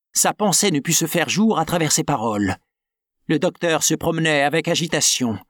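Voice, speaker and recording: A man narrating an adventure novel in a steady, dramatic storytelling manner. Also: fairly high pitch, breathy edge, no room sound, clean studio sound. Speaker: audiobook narrator.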